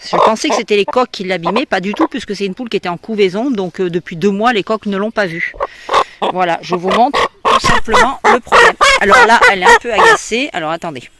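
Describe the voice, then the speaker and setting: A woman's voice: mid-range voice, very animated, fast, a bit bright. French woman breeder, casual explainer tone, recorded on a phone outdoors with faint farmyard noise. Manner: chatty, explanatory, with many fillers. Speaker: poultry breeder. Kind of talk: casual walk-through video. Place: outdoor poultry yard. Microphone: handheld phone. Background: hens clucking.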